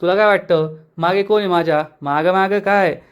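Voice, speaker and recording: Man quoting a cheeky young woman, playful, teasing, fairly high voice. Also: steady tone, moderate pace, smooth, close to an everyday voice. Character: cheeky, carefree young woman, lovestruck daughter.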